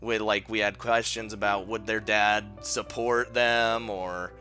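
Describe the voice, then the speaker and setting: Over background music, a male video host with a lowish, bright, forceful voice runs a casual countdown. His tone stays level and his pace measured, yet his delivery is rambling and informal, with frequent chuckles.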